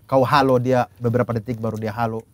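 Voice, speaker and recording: A man's voice: mid-range voice, flat delivery, quick pace, dry recording. A man hosting a casual group chat, prodding with questions and jokes. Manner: probing, joking questions.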